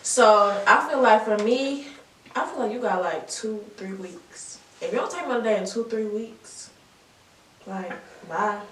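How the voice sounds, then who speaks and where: A woman in her twenties hosting a podcast, chatting casually, teasing and quick to laugh. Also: medium pitch, a little hiss or hum. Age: 20s. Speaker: podcast host. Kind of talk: casual chat. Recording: roomy room, mic at a distance.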